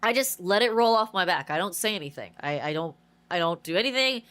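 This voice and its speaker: Speaking fairly quickly at a medium pitch, a female game streamer tells a rambling story during casual livestream chat. A blocked nose leaves her nasal and stuffy, and her animated account is full of restarts.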